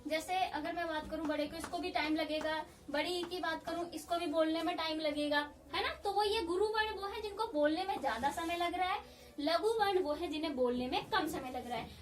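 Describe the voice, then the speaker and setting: A woman teaching a grammar lesson, explaining slowly and patiently and repeating key points. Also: very high-pitched, far from the mic, slight background noise. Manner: patient, repeats key points, often says "theek hai".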